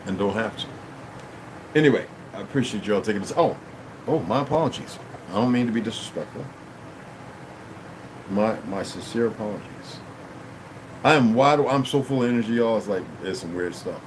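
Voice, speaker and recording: Streaming from his room at home, a man with a lowish voice speaks at normal speed but pauses often. His talk is loose and wandering as he thanks donors and repeatedly asks "you know what I mean," with a constant air-conditioner hum in the background.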